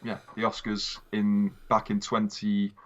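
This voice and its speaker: A man's voice: on the low side, monotone, a little slow, a bit bright. A man co-hosting a casual film discussion, chatty, informal and digressive, on a slightly dull, lo-fi recording. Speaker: co-host of a film review show.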